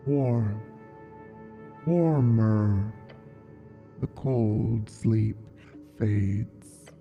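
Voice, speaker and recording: Deep voice changer snail dad, a lady doing it, super slow halting words, muffled with music going. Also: warm tone, heavily acted. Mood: solemn. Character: giant male snail patriarch, ancient, calm, grateful. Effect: voice changer deepening the voice.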